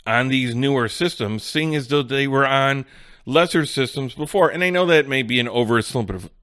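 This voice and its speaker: A man's voice: mid-range voice, normal speed, fairly bright tone, dry recording, studio quality. A man hosting a casual solo gaming podcast, rambling and ranting in exasperation. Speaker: podcast host.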